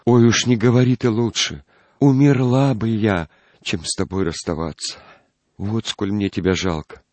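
A man reading a storybook aloud, voicing a gentle, frightened young peasant girl with a soft, tearful voice. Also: lowish voice, moderate pace, dry recording, pitched above the performer's own voice, lightly acted. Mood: anxious pleading.

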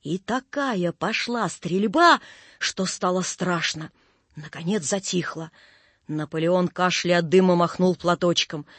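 High-voiced man reading a story. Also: a little slow, no echo. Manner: expressive, theatrical. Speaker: narrator.

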